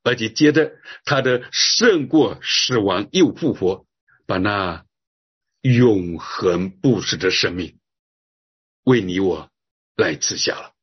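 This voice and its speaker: A man's voice: fairly low pitch, expressive, takes it slowly, breathy edge, muffled recording. A man preaching a sermon, telling a story earnestly and drawing his phrases out, ending with a prayer. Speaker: pastor.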